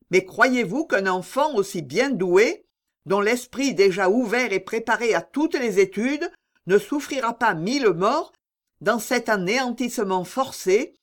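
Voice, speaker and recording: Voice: mid-range voice, pitched above the performer's own voice, close to an everyday voice. A reader voicing an indignant male doctor who pleads passionately with a mother, in an audiobook reading. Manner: impassioned, pleading.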